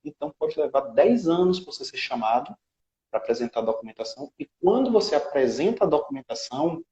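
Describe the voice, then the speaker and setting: Speaking fast in a warm, sing-song voice pitched a little high, a guest citizenship law specialist with a Brazilian Portuguese accent explains a legal process step by step. He often checks in with tag questions during the interview. The room echoes and the highs are cut off.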